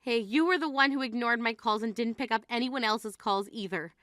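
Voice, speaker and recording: A woman's voice: a little high, a little fast, fairly bright tone, no room sound, clean studio sound, close to an everyday voice. A woman playing an exasperated, grieving sister who scolds in an incredulous, reproachful way in a dramatized story. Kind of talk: dramatized phone-call story dialogue.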